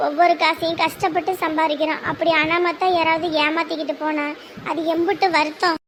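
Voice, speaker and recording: A woman's voice: very high voice, flat delivery, brisk, a bit bright, slight background noise. A fretful, fierce village mother. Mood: worried. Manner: lamenting, scolding, rural Tamil speech. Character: anxious thrifty village mother, fierce when scolding.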